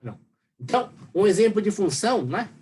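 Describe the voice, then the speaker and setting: Rambling Brazilian lecturer, lively pitch. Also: male voice, a little fast, breathy edge. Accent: Brazilian Portuguese. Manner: rambling, full of fillers and tag questions. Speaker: university professor. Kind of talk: recorded lecture.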